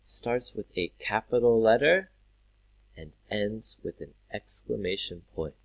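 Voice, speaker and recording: A man teaching English to learners, drawing out words carefully and breaking into loud acted exclamations. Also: on the low side, animated, gravelly, dry recording. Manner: drawn-out, overly careful pronunciation with sudden loud acted exclamations. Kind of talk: slow, clear teaching for learners.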